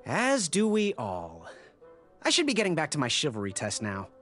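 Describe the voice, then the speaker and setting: A man's voice: fairly high pitch, huge pitch swings, moderate pace, fairly bright tone, faint music behind. An actor playing a good-natured young male knight in a video game, wry and a little hesitant.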